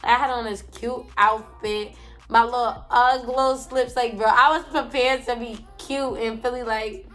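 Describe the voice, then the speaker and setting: A woman's voice: fairly high pitch, normal speed. Slangy young woman telling a storytime. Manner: animated, slangy, acts out her own quotes. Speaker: vlogger. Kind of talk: casual storytime. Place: on her bed at home.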